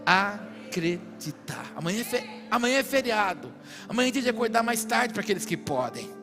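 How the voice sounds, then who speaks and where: A man with a Brazilian Portuguese accent preaching a sermon, rising to shouted prophetic declarations. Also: high voice, lively intonation, a little fast, music in the background. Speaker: pastor. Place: church hall. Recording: long hall reverb.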